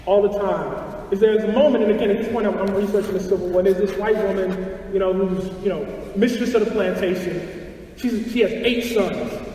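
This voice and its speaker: A man's voice: high-pitched, fairly even intonation, moderate pace, dark tone, a little hiss or hum. A man speaking in a documentary interview, telling a story earnestly and often repeating words. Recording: echoey hall, mic far off.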